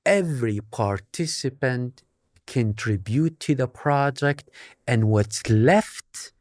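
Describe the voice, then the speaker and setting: Slow, halting man on a debate panel. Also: mid-range voice, lively intonation, darkish tone, no room sound, clean studio sound. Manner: halting, with many fillers and repeated words.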